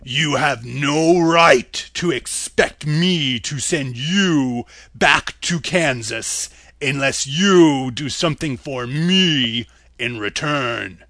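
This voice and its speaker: A man voicing a stern, commanding wizard's head, speaking slowly and loudly. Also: mid-range voice, no room sound. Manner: slow, loud, commanding. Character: Oz as a great head, male, booming and stern.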